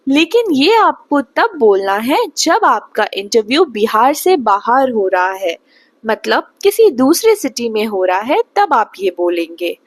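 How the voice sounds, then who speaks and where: A young woman from Bihar gives a spoken English lesson in a slightly high voice. She talks slowly and patiently, with a lively rise and fall, and stops often to check that the listener follows. The sound is close and dry. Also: no echo. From Bihar, India. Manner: slow, patient teaching, checks understanding often. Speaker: English tutor.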